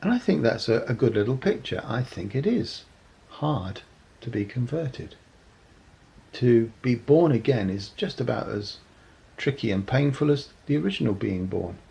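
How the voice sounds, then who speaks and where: Male preacher, measured reflective sermon delivery with a raspy, gravelly tone. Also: mid-range voice, animated, dark tone, poor audio. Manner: measured and earnest, with frequent ums.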